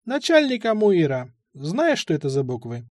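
Man putting on a shrill sly old addict. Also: wildly swooping pitch, no echo, clean studio sound, exaggerated voice. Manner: high-pitched, shouting, halting strange phrases. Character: sly rambling old male drug addict. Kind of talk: audiobook character voice.

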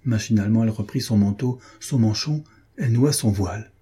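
A man narrates a classic novel in a measured, dramatic literary reading. His voice is very dark and mellow. It carries a husky grain. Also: fairly low pitch. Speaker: audiobook reader.

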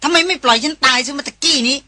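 A woman voicing a frightened young woman who speaks in a shrill, accusing, wounded tone in an audiobook. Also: fairly quick, bright, forceful tone, slight background noise. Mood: hurt.

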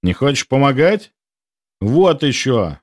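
A man reading an audiobook puts on a scornful young cadet, sarcastic and grumbling, his voice pitched a little above the narrator's own. The delivery is dry and close, with lively swings in tone. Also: slow pace, no room sound. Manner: sneering, grumbling.

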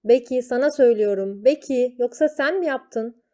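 A woman's voice: medium pitch, animated, a little slow, natural voice. A woman voicing a stern, angry male schoolteacher who demands answers from his class. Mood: demanding. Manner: loud, demanding interrogation.

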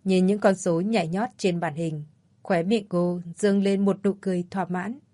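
A woman narrating an audiobook story in a calm, measured way. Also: fairly low pitch, no echo.

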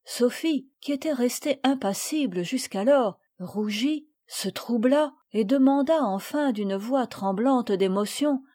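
Expressive woman reading a story aloud. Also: on the high side, measured pace, few pauses. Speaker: audiobook reader. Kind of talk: scripted narration of a classic novel.

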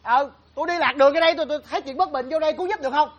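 A woman playing a nosy stranger who lectures rapidly in a comic sketch, recorded with dull, lo-fi sound. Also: high voice, natural voice. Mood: lecturing.

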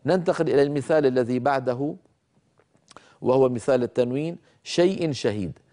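A man teaching Quran recitation rules, explaining carefully and demonstrating sounds slowly, sometimes scolding common mistakes. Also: mid-range voice, warm tone. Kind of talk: tajweed lesson with spoken demonstrations.

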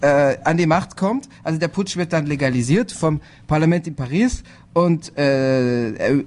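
A man speaking on a political panel, measured and hesitant, with frequent fillers and restarts. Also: on the high side. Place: lecture hall.

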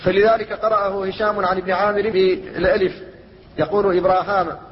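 A man with a high, flat voice lectures in a measured teaching manner, slowing down to chant quoted verses. The recording is dull and lo-fi, with a long reverb trailing through a large hall. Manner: measured explanatory teaching, slows to recite verses. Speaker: Islamic scholar teaching Quran recitation rules.

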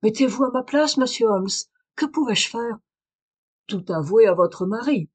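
A woman's voice: medium pitch, moderate pace, a little mellow, close to an everyday voice. A woman reader voicing a desperate aristocratic young wife in a French audiobook, pleading and urgent. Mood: anxious confession. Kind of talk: audiobook reading of a detective story.

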